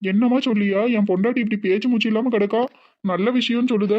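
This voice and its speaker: A voice actor with a Tirunelveli Tamil accent playing a caring, excitable young village husband in a cartoon, talking in urgent, raised bursts. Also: mid-range voice, fast talker, no room sound, lo-fi sound, lightly acted. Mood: alarmed. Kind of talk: animated cartoon voice acting.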